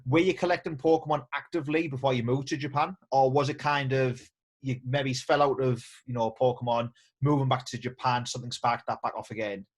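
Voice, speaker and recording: A man's voice: mid-range voice, steady tone, fairly quick. A man, hosting a casual interview, chatty with frequent ums and restarts. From England. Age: 30s. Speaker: host. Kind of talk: casual video-call interview.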